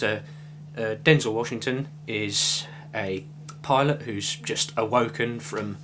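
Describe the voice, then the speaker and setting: A man's voice: lowish voice, noisy background. Young man reviewing films at a webcam. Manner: rambling, hedging with fillers, gesturing. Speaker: film reviewer. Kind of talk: casual film review to camera. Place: small room with shelves of films, indoors. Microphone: webcam at desk.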